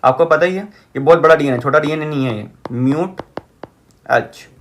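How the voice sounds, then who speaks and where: A man teaches at a whiteboard. He repeats key terms and keeps asking whether everything is clear. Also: fairly high pitch, normal speed, a bit bright, a little hiss or hum. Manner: repeats key terms, asks the class rhetorical checks. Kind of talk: whiteboard lecture.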